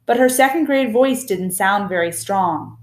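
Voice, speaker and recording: A woman reads a children's picture book aloud expressively, with a measured, rhythmic delivery of rhyming verse. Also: medium pitch.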